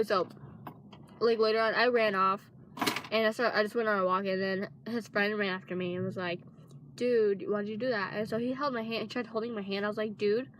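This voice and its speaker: A woman's voice: medium pitch, fairly even intonation, moderate pace, long pauses, fairly bright tone, slight background noise. A young woman telling a casual storytime vlog, rambling and full of fillers. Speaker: vlogger.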